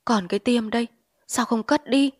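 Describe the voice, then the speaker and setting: A woman's voice: on the high side, normal speed, voice pushed up, close to an everyday voice. A woman voicing a frantic pleading opium addict. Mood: whining. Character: desperate male opium addict in withdrawal. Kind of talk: audiobook reading.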